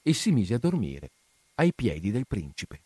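Expressive male storybook narrator. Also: lowish voice, a little slow, slightly rough, dry recording. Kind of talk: storybook reading.

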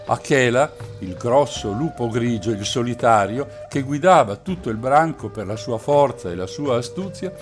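A man narrating a novel aloud in a steady, measured storytelling voice, with faint music behind. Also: medium pitch.

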